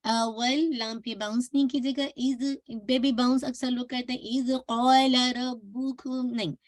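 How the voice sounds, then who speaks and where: A woman giving an online tajweed lesson, patiently repeating words slowly to drill pronunciation. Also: on the high side, fairly even intonation, dry recording. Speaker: Quran recitation teacher.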